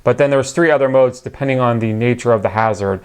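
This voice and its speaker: A man with a medium-pitched, smooth voice talks fast through an informal product walkthrough. As a product reviewer, he explains things as he goes in a plain, matter-of-fact, conversational way, entirely unscripted.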